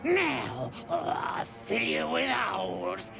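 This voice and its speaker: A man voicing a vicious little male redcap creature in a video game, snarling threats in broken grammar and jumping between hisses and shouts. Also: extremely high pitch, lively intonation, slow, vocal fry, full character voice. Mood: snarling, menacing. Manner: swings from hissing to shouting threats. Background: game music.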